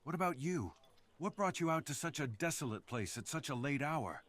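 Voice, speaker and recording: Speaking at a moderate pace in a fairly high, expressive, fairly bright voice, a man performs an ASMR roleplay as a male fox assassin, menacing and sadistic yet remorseful. The monologue is close and dramatic, aimed straight at the listener, theatrical and intimate, with each phrase savored. His mood stays courteous and gentle.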